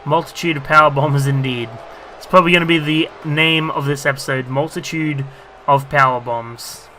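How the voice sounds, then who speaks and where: A gaming YouTuber calls a video game wrestling match in a very bright, fairly high voice at normal speed, rambling with lots of "you know"s and bursting into excitement when big moves land. He's losing his voice, so it sounds a little strained, and a faint hiss sits under the audio.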